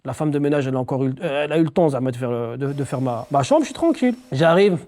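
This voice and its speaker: A man's voice: medium pitch, fast. A young man telling a funny story in a casual monologue, playful and addressing the viewer directly. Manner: animated, playful, talks straight to the viewer.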